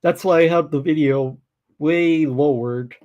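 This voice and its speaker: A man reacting to police videos on a live stream, making relaxed, wry remarks to his chat. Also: fairly high pitch, measured pace, lo-fi sound. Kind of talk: casual live commentary.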